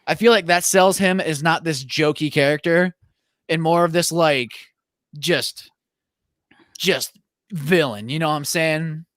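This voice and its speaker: A young man with a fairly high voice talks through a movie review in a loose, chatty way, full of "like" and quick asides. The sound is close and dry, with no room around him. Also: dry recording. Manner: chatty, many "like" fillers, mimics characters in a loud voice. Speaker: podcast co-host. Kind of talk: casual movie review chat.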